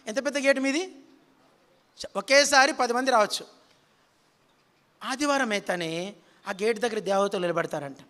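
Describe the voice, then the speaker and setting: A man's voice: very high voice, a bit bright, long reverb tail. A male pastor preaching a sermon in a dramatic way, calling out to his congregation and acting out wailing. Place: prayer house hall.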